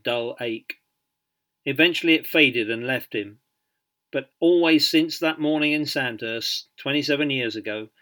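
A man reading a biography as scripted audiobook narration in a measured storytelling manner. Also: medium pitch, pushed and bright.

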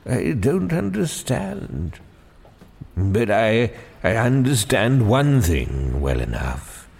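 A man's voice: fairly low pitch, big pitch swings, vocal fry, a little mellow, husky, heavily acted. Father Christmas, a man doing him old and dying. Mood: weary, puzzled. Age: older. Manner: slow, weary, faint. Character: feeble dying ancient Father Christmas, gentle, bewildered. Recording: long hall reverb.

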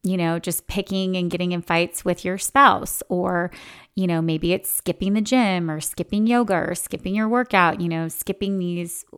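A woman's voice: fairly low pitch, steady tone, moderate pace, clear, resonant tone. A middle-aged woman hosting a podcast, talking candidly in a casual, reflective way with lots of filler words. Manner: chatty, candid, many "like" and "you know" fillers. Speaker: podcast host.

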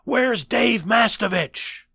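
A man voicing a passionate male English professor of about fifty who proclaims loudly and slowly. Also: high-pitched, dry recording, clean studio sound, voice pushed up, full character voice. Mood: yelling. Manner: loud, emphatic, drawn-out proclamations.

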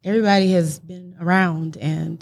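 A woman with a St. Louis accent speaks in a somewhat low register. She gives her opinion in casual, slangy conversation, frank and plain-spoken as she reasons through each point. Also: fairly even intonation, moderate pace, vocal fry, a little mellow. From St. Louis, United States.

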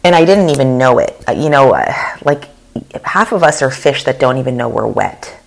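A woman hosts her own podcast alone, talking earnestly even as she loses her voice, with fillers and restarts. Her voice is bass and gravelly, very animated, at a moderate pace.

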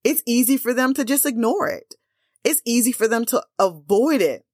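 A woman's voice: a little high, expressive, normal speed, dry recording, studio quality. A woman dating coach giving blunt, emphatic advice straight to her viewers, peppered with casual slang and lots of "like" fillers. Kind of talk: direct-to-camera coaching talk.

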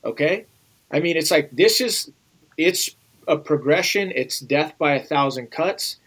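A man's voice: fairly high pitch, unhurried, fairly bright tone, low-quality recording. A middle-aged American man speaking as a guest in a podcast interview, earnest and urgent, talking straight to the listeners. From United States.

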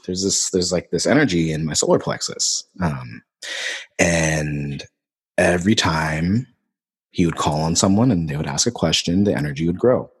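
A man's voice: low voice, expressive, moderate pace, breathy edge, long reverb tail. A man in casual podcast conversation, telling a story animatedly, laughing and swearing casually.

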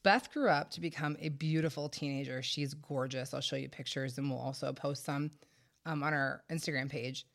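Despite a head cold that has her congested and breathless, a woman narrates a true-crime podcast in a conversational style with dry, sarcastic asides. Her voice is deep as a bass and gravelly, holding a steady tone at normal speed.

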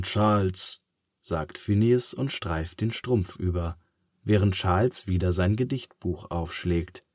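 A man reading a children's story aloud in a calm, expressive way. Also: low-pitched, no echo, clean studio sound. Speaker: narrator.

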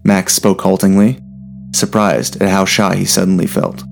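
Low, gravelly male storyteller. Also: soft background music. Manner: steady, measured reading. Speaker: narrator. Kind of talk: storybook narration.

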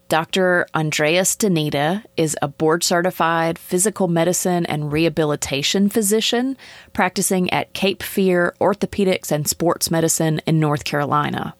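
Woman host, lowish voice, earnest and encouraging, dry close sound. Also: dry recording. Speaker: podcast host. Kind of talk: interview host, reading an introduction.

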